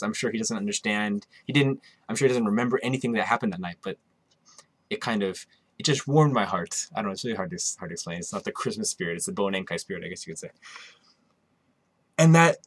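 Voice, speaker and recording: Deep-voiced man rambling through a story. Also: fairly bright tone, no echo. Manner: rambling, with frequent restarts and asides. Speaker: podcast host; musician. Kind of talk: casual storytelling monologue.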